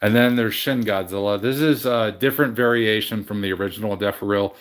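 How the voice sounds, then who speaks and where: A man with a lowish voice talks fairly quickly as he hosts a casual livestream from his game room at home. Greeting his viewers, he rambles through his collection and keeps restarting and self-correcting.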